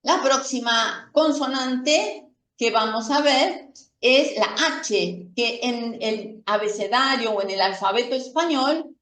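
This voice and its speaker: Woman teacher, slowish higher voice, patient, says words twice, mic kinda far off. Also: fairly bright tone. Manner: patient, checks in with "¿sí?" often; models words slowly and repeats them. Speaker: Spanish teacher. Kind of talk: slow, careful classroom explanation. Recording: echoey room from a distant mic.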